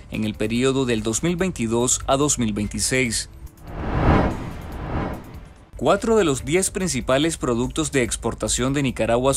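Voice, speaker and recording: A man reading a scripted news voice-over in a steady, formal newsreading manner. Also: medium pitch. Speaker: news narrator.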